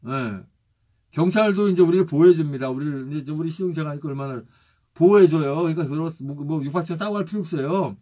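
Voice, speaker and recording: A male pastor preaching and leading prayer, steadily reciting lists of names, with a husky voice. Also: on the high side, fast, dark tone. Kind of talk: sermon and spoken prayer.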